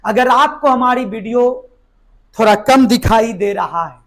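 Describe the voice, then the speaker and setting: Hoarse, high-voiced male teacher, keeps quizzing the class and answering himself. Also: unhurried. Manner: asks the class questions and answers them himself, repeats key words. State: hoarse from a sore throat. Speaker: biology teacher. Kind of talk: live online exam-prep lesson.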